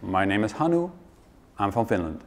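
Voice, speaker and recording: A man's voice: lowish voice, moderate pace, a little hiss or hum. Wry man giving a keynote. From Netherlands. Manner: wry, joking, lively presenter. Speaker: keynote speaker. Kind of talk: conference keynote. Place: large conference hall with audience. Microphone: headset mic.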